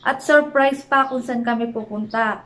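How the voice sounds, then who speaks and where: A woman's voice: fairly high pitch, normal speed, a bit bright, rough recording. A young woman hosting a casual vlog, chatty with sing-song greetings and frequent laughter, recorded while out commuting. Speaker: vlogger host. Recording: phone vlog with vehicle noise.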